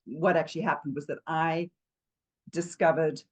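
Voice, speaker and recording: A woman's voice: low voice, steady tone, normal speed, husky, poor audio. A woman in her sixties from Zambia, a yoga teacher telling her life story as an interview guest in a chatty, wandering way, sometimes searching for words. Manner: chatty and digressive, warm laughs, searches for words.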